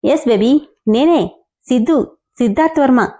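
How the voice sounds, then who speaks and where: A woman's voice: high voice, animated, moderate pace, dark tone. A woman narrator voicing an arrogant young male boss who talks in a sarcastic, taunting way.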